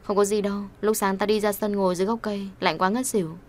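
A woman's voice: mid-range voice, steady tone, fast, natural voice. A woman voicing a meek, self-sacrificing young woman who answers hesitantly and stammers in an audio story. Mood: evasive.

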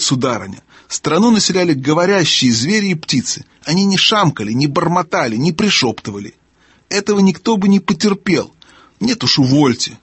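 A man doing a loud, deaf, grumpy old dwarf. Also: on the high side, husky, no echo, pitched above the performer's own voice. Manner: loud, cantankerous, mishears and grumbles. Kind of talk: audiobook character voice.

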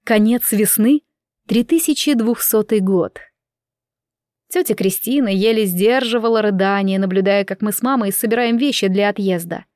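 A woman narrating a first-person story in a calm, even storytelling manner. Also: mid-range voice, normal speed, no room sound, studio quality. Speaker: audiobook narrator.

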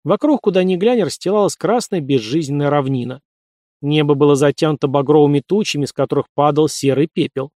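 A man narrating an audiobook in a lively, playful storytelling manner. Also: a little high, no room sound, studio quality.

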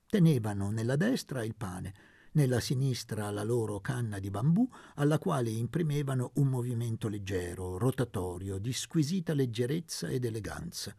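A man narrates a literary audiobook in a measured, expressive way. His voice has a gravelly, husky grain and a lively pitch movement. The recording is close and dry. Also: dry recording. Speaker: audiobook reader.

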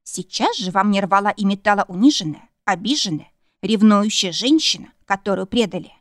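A woman's voice: mid-range voice, animated, brisk, no echo. Female audiobook narrator, emotional first-person read, dry studio sound. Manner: emotional, vivid storytelling.

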